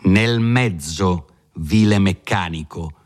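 A man voicing an arrogant noble gentleman who speaks in a haughty, commanding, contemptuous way. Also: deep voice, slow pace. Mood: haughty, scornful.

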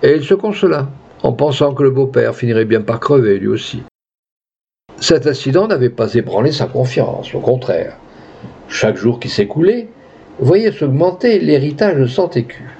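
A man narrating a classic tale aloud in an expressive storytelling manner. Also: medium pitch, moderate pace, creaky, slightly rough, lo-fi sound. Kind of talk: audiobook reading of a classic tale.

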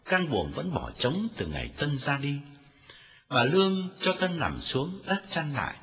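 Male audiobook narrator, wildly lively intonation, muffled lo-fi sound, faint music. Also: on the high side, unhurried. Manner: very expressive, varied intonation. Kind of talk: storytelling narration.

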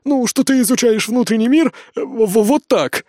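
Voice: mid-range voice, moderate pace, dark tone, dry recording, pitched above the performer's own voice, lightly acted. Reader as a cornered ladies' man, rattled and stammering, close and dry. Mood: flustered. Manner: flustered, pleading. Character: panicky boastful young man.

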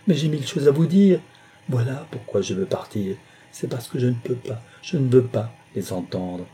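A man's voice: mid-range voice, animated, moderate pace, dark tone, slightly rough, voice pushed up. A man reading aloud, voicing a distraught young woman who pleads in a raised voice. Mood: distressed pleading.

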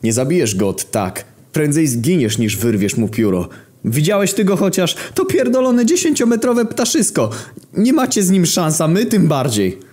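A man voicing an excitable Greek man who rambles in breathless squeals. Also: mid-range voice, moderate pace, voice pushed up, close to an everyday voice. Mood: alarmed. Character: excitable fast-talking Greek man, shrill and frantic.

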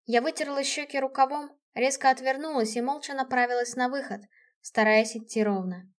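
A woman narrating a novel in the first person in a steady, expressive reading. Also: high voice, a little fast. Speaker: audiobook narrator.

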